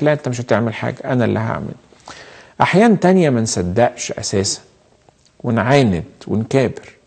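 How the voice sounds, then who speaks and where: A middle-aged man preaching a sermon as a pastor in Egyptian Arabic, stressing key phrases with slow, emphatic repetition. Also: medium pitch, gravelly, mellow.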